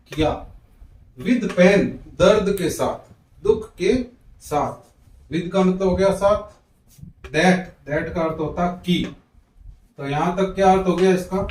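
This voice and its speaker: A male teacher explaining an English poem in Hindi. He reads the English lines very slowly, word by word, and repeats words to stress their pronunciation. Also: a little high, a little mellow, a little hiss or hum. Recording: echoey room, mic at a distance.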